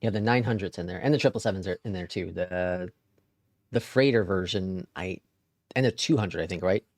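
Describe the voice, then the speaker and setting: The recording is dry and studio quality: a low-voiced man speaking briskly with a Midwestern accent from Minnesota or North Dakota. He's live-streaming a flight simulator, chatting casually, muttering to himself as he works the controls, and swearing mildly now and then.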